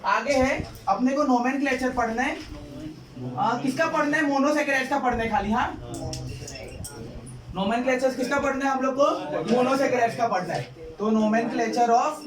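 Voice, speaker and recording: High-voiced man quizzing a class. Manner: repetitive, quizzing students with questions. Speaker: chemistry teacher. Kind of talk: classroom lecture in Hindi. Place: classroom with students. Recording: echoey classroom, distant mic, student chatter. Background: students.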